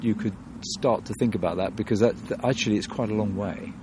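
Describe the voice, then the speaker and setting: A man's voice: fairly low pitch, a little fast, noisy background. A man from London, a guest in an interview, talking thoughtfully with many restarts and fillers.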